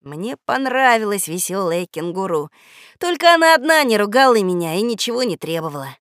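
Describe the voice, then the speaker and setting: A woman narrating a children's audiobook in a lively, expressive manner. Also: mid-range voice, fairly quick, dry recording, clean studio sound.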